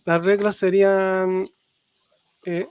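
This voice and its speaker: A man from Chile moderating a debate, halting and procedural as he explains the rules. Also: high-pitched, flat delivery, darkish tone, a little hiss or hum.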